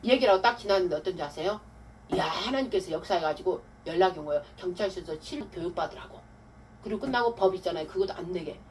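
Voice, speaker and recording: A woman pastor giving a testimony-style sermon, telling her story with animated, acted-out quotes. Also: lowish voice, fast. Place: church hall. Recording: distant mic with faint room noise.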